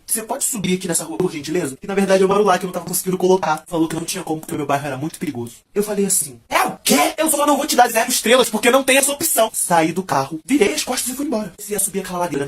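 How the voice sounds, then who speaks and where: Young man, comic storytelling, high and very quick. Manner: rapid, animated, dramatic pauses.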